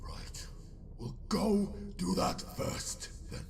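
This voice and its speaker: Man doing a gravelly brash war commander. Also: high-pitched, animated, drawn-out words, echoey room, background noise, full character voice. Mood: bossy. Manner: bossy, shouty, crude. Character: brash gravel-voiced male chapter master. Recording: music playing underneath.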